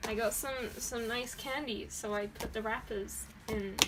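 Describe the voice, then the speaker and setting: A woman's voice: on the high side, steady tone, unhurried, very noisy. A young woman from Dorset, England, rambling and giggling as she talks through her sketchbook at her desk. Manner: giggly, rambling and self-deprecating. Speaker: artist showing her sketchbook. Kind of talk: casual sketchbook tour.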